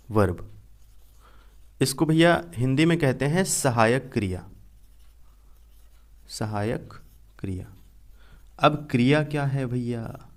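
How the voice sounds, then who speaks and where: Young male teacher, lively classroom explainer, acts out his examples. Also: mid-range voice. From India. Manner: explains by repeating and asking questions back. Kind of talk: classroom grammar lesson.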